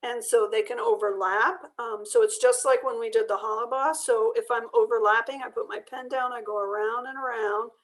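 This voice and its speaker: A woman leading an online drawing class, explaining each step in a relaxed, chatty way while losing her voice. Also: a little high, normal speed, hardly any pauses. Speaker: art workshop instructor. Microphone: video call.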